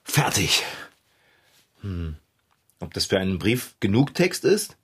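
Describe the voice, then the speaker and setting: A woman's voice: rumbling low, big pitch swings, slow pace, breathy edge, exaggerated voice. A woman playing a grown-up bicycle mechanic in a radio play, down-to-earth and exasperated with her pet.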